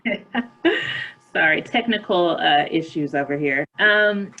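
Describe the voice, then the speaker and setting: A woman from Kentucky introducing herself over a video call in a brisk manner. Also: deep voice, animated, bright, forceful tone, a little hiss or hum. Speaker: panel participant. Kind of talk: personal introduction in a group conversation. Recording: muffled video call audio.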